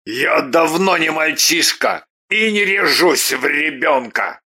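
Woman as proud, gruff male mage baron for a storybook; slow, husky delivery. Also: lively intonation, pushed and bright, full character voice. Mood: haughty. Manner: gruff, arrogant, lowered voice. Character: haughty ancient male baron mage Dirk.

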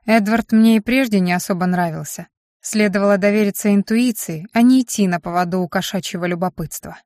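A woman narrates a first-person fantasy audiobook, telling the story expressively. Her voice sits at a middle pitch for a woman. The recording is dry and close, with no room sound. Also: fairly quick, darkish tone, no room sound.

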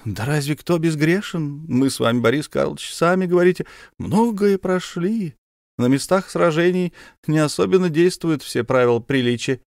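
A careful, deferential staff captain who hedges every phrase with old-world courtesy, as a male narrator plays him. His voice is pitched somewhat higher than an ordinary man's speaking voice and recorded dry and close. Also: moderate pace, creaky, a little mellow, no echo. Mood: cautious. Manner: hesitant, deferential, old-fashioned polite speech. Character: cautious polite army staff captain, old comrade.

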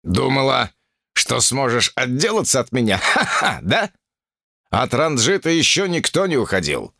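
A man's voice: medium pitch, sing-song, moderate pace, gravelly, pushed and bright, no echo, pitched above the performer's own voice, heavily acted. A menacing demon villain gloats and sneers at his captive, as a male audiobook reader voices him. The delivery rises and dips dramatically. The recording is close and dry. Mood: gloating.

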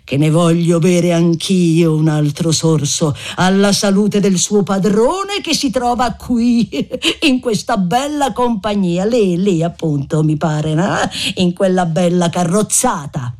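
A man voicing a sneering male corpse-carrier who fawns in mockery, in a raised, drawn-out tone. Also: high voice, darkish tone. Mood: leering. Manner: mock-servile, sneering, drawn-out.

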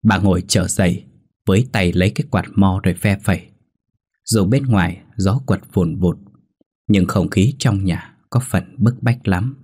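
A man narrating a horror story in a measured, suspenseful way. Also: deep voice, slightly rough. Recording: soft background music.

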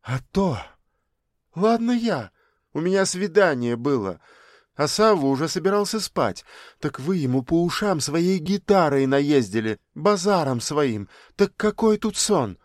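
A cheeky teenage girl answers back with open defiance, voiced by a male narrator. The voice is pushed well above his normal pitch, and the tone stays mocking and challenging. The recording is dry and close. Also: sing-song, unhurried, no room sound. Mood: defiant.

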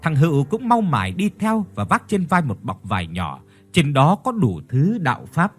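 A man narrating a ghost story in a measured, descriptive storytelling manner. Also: a little high, huge pitch swings, husky, faint music behind.

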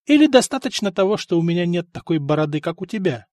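A man doing a calm young Slavic man, higher voiced. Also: fast talker, dry recording, studio quality. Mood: earnest. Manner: calm, earnest.

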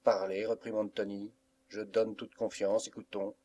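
A man's voice: lowish voice, flat delivery, moderate pace, dark tone, lightly acted. A man reading a cold, disdainful nobleman. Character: stern scheming nobleman, middle-aged man. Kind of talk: audiobook reading.

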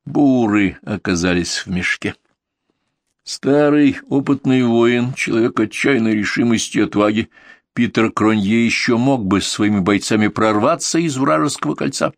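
A man reading a historical war novel aloud as an audiobook narrator, in a measured, steady storytelling manner. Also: medium pitch, dry recording, clean studio sound. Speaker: audiobook reader. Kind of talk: scripted narration of historical prose.

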